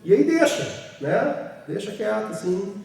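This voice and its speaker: A man's voice: high-pitched, big pitch swings, a little slow, vocal fry, darkish tone, far from the mic. Southern Brazilian man lecturing teachers in an echoey hall. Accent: southern Brazilian (Rio Grande do Sul). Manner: explanatory, constant tag questions, acts out scenes. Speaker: teacher trainer. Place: large hall with a group of teachers.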